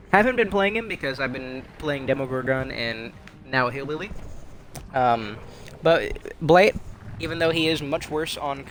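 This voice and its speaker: A young game streamer chats casually over his own gameplay, rambling and wry as he pokes fun at himself and at other players. His voice is a little high with a fairly bright tone, over slight background noise.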